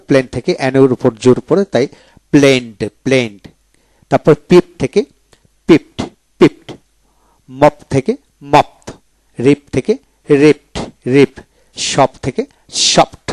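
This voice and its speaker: A male teacher works through verb forms, saying each one twice in a steady drilling rhythm. His voice sits at an ordinary middle pitch. The sound is dry and close, with no room around it. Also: dry recording. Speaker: English grammar teacher. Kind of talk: slow explanatory lesson.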